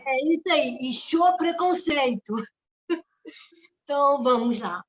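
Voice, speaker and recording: A woman's voice: sits high, expressive, measured pace. A woman co-hosting an online event over a video call. She speaks in an affectionate, praising way. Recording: dull lo-fi audio.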